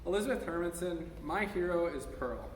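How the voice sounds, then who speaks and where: An American man in his thirties from Minnesota reads an essay aloud at a memorial service, speaking informally and occasionally stumbling over his words. His high voice has lively intonation and a moderate pace, and the recording is noisy, echoey, and distant, as if from across a hall.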